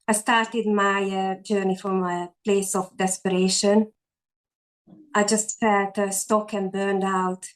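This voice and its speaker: A woman in her forties with a Hungarian accent, an online entrepreneur from Hungary, talks earnestly about her story as a guest on a casual video call interview. Her voice is mid-range, the audio poor, and her speech is full of fillers and restarts.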